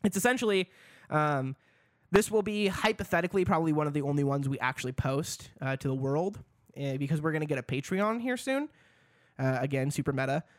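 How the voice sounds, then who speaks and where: A man with a slightly high voice talks casually through a solo podcast, rambling, profane and now and then pumped up. The sound is dry and close, with no room around him. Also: brisk, dry recording. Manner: loose, rambling and profane, with hype bursts. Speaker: podcast host.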